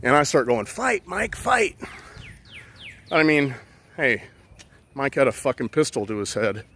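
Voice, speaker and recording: A man's voice: medium pitch, moderate pace, fairly bright tone, slight background noise. A man casually telling a personal story outdoors, rambling and profane with many fillers.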